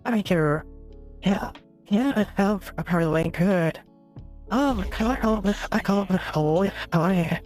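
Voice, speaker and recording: A woman streamer talking through a voice changer filter, halting and garbled as she rambles. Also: mid-range voice, darkish tone, faint music behind, pitched below the performer's own voice. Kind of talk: casual live-stream chat.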